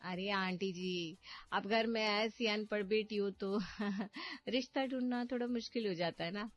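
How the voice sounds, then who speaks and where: Woman doing a sharp-tongued village wife. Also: on the high side. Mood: mocking. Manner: quick retorts, folksy rural speech. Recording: muffled, faint background music.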